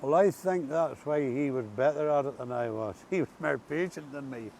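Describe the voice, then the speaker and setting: An older man with a rural Ulster accent tells stories in a relaxed outdoor interview, speaking at normal speed in a gravelly voice. Steady background noise and an outdoor rumble run under the recording.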